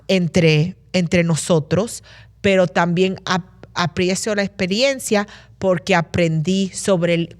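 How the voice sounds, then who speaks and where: Low-voiced bilingual woman, thoughtful. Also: no room sound, clean studio sound. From Massachusetts, USA. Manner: thoughtful, many fillers and restarts. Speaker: guest. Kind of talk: conversational interview.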